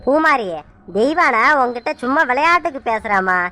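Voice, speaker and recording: A woman voicing a gentle, affectionate middle-aged village father in a cartoon, speaking soothingly. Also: high voice, expressive, normal speed, soft background music. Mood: fond. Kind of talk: cartoon voice acting.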